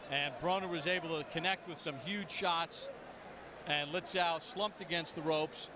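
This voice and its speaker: A man giving live boxing commentary in an emphatic, polished broadcast delivery. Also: high-pitched. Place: ringside at a boxing arena. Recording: noisy arena ambience.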